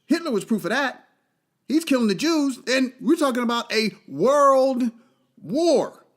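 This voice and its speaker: A man with a high voice gives an impassioned monologue as a podcast host. His pitch swings widely as he hammers his points home. He swears freely and repeats phrases for force. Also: big pitch swings, measured pace, fairly bright tone. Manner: emphatic, profane, repeats key phrases for force.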